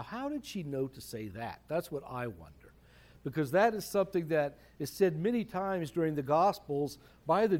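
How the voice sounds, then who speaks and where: A man's voice: on the high side, darkish tone. A man preaching a conversational sermon, asking rhetorical questions and repeating phrases for emphasis.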